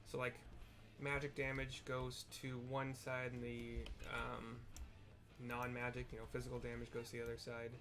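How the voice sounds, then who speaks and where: A man narrates his own gameplay in casual commentary, chatty and descriptive with playful asides. His voice is mid-range and monotone, delivered at a normal speed.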